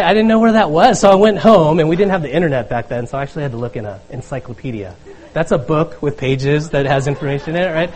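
A man telling a personal story to an audience, animated and laughing often as he acts out what people said. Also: on the high side, poor audio.

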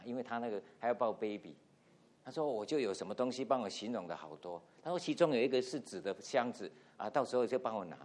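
A middle-aged man, a pastor, telling a lively story in a sermon and acting out the dialogue, with English words mixed into his speech. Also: lowish voice. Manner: animated anecdote with acted-out quotes, code-switching English words.

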